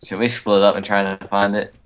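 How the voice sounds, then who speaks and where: A cautious, jittery man talks his partner through a block-building game, warning him again and again about traps. His voice sits fairly low, with keyboard typing ticking behind him. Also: flat delivery, brisk. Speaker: game video co-host. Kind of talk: casual gaming commentary.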